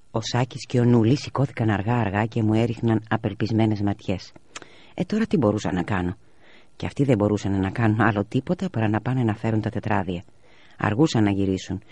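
A man reading a children's story aloud in a measured way. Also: fairly low pitch, a little mellow, no room sound.

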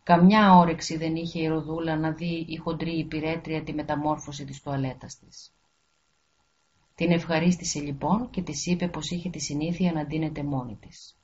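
Woman storyteller reading a fairy tale, low voice, steady, muffled lo-fi audio.

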